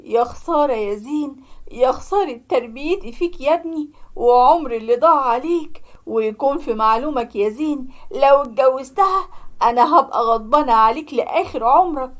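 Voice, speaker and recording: A woman's voice: sits high, brisk, natural voice. A woman with an Egyptian accent voicing a tearful, bitter older widowed mother in a cartoon story. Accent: Egyptian Arabic. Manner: pleading, bitter.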